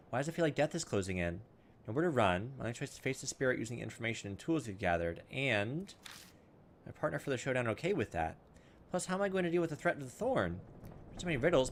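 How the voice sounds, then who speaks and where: A man hosts a gaming video, dramatically reading the on-screen story text and cutting in with playful asides in typical let's-play style. His voice sits in the mid range and is a bit bright, with slight background noise behind it.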